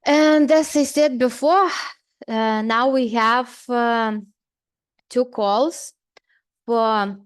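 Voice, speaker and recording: Slow, hesitant woman presenting. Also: fairly high pitch, fairly even intonation, smooth. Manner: hesitant, many pauses and fillers. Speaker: seminar presenter. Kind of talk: presenting slides at a seminar.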